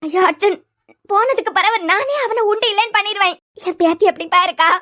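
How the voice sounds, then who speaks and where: Woman doing a shrill, wailing old grandmother. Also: quick pace, sharp tone. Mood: lamenting. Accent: Kanyakumari Tamil. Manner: lamenting, wailing. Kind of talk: cartoon serial voice acting.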